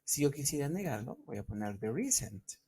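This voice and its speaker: A man's voice: medium pitch, big pitch swings, moderate pace, dark tone, breathy edge. A man co-teaching an English class, explaining grammar in Spanish with English example sentences.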